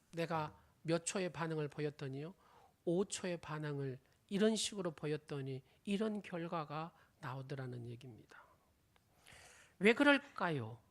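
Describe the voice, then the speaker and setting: A woman preacher delivers a sermon in a church, her voice sitting low for a woman. She tells a story and keeps turning to the congregation with questions and little quizzes. Many of her sentences fade out softly, sometimes to a whisper. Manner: sentence endings often trail off softly, at times to a whisper. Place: church sanctuary.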